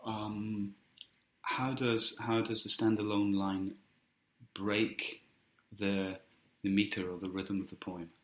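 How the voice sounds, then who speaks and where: A man acting as a teacher examiner, asking halting questions and rephrasing them as he goes. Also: lowish voice, level tone, a bit bright. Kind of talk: oral exam questioning. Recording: echoey room.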